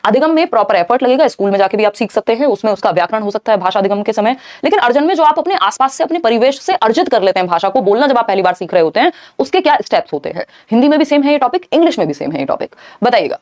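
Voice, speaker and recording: A woman teaching a live online exam-prep lesson, explaining answers briskly and answering viewers in the chat. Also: on the high side, expressive.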